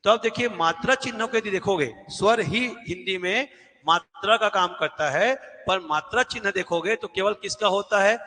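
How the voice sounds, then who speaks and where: A man's voice: high-pitched, bright, forceful tone, big-room sound. A man teaching an exam-prep lesson at a board, asking questions and answering them himself and repeating key words. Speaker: Hindi teacher.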